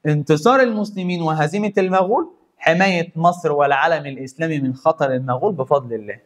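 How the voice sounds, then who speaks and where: Egyptian guy teaching a history class, upbeat storyteller, repeats everything, slightly high voice. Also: fast talker. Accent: Egyptian Arabic. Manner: animated storyteller, repeats points and chants rhyming memory lines. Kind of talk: energetic classroom history lesson.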